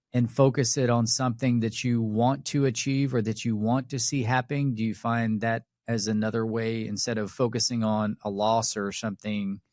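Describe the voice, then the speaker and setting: A man's voice: medium pitch, a little mellow, dry recording. Male interviewer with a dry sound. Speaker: interviewer, host. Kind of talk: casual interview questioning.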